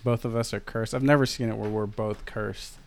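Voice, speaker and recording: Gravelly-voiced man cursing through a podcast chat. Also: lowish voice, steady tone, a little fast. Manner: profane, joking, loose. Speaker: podcast co-host. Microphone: home podcast mic.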